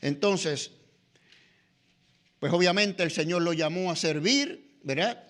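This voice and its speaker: High-voiced man teaching a Bible class. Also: slow pace, fairly bright tone. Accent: Latin American Spanish. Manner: conversational, frequent "¿verdad?" and "¿no?" tags, filler "eh". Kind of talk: church discipleship class.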